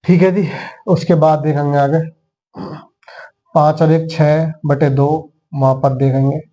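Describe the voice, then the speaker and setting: A man's voice: fairly high pitch, fairly even intonation, measured pace, warm tone. A man teaching maths who talks students through each step and counts the items aloud. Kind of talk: classroom lesson.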